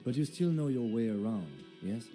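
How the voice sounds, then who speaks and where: An actor voicing a calm, methodical male police lieutenant in a video game, measured and precise. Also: mid-range voice, soft background music, natural voice.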